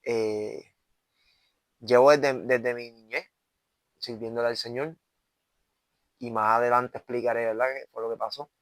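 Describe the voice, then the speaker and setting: Speaking a little slowly with long pauses, a man with a medium-pitched, steady, slightly bright voice gives his testimony, recorded with no room sound. He is a Puerto Rican evangelist in his twenties, interviewed as a guest, with a Puerto Rican Spanish accent, earnest, restarting often and adding "¿verdad?" constantly.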